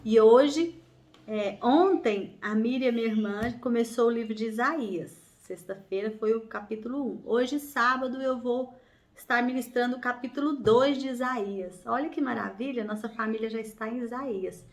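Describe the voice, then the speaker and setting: A woman leading a family prayer circle, preaching fervently with repeated exhortations and reading scripture aloud. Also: fairly high pitch. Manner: fervent, repetitive exhortations with hallelujahs; slow, emphatic, drawn-out phrasing. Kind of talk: devotional preaching and Bible reading.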